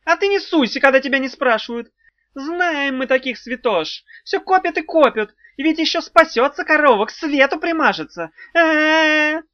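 A squeaky little demon, spiteful and fawning, shrieks way up high in wild, swooping outbursts. The sound is dull and lo-fi. His whining keeps breaking into shrill fury. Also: wildly swooping pitch, moderate pace, dry recording, heavily acted. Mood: shrill rage.

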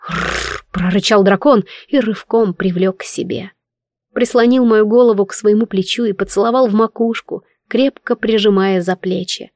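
A woman narrating a first-person fantasy audiobook with expressive, emotional storytelling. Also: medium pitch, no room sound, studio quality.

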